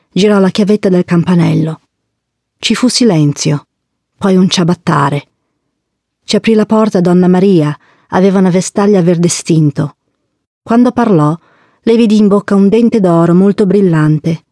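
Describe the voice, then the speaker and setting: A woman narrating a first-person story in a measured, reflective way, as an audiobook narrator. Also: on the low side, warm tone, dry recording, studio quality.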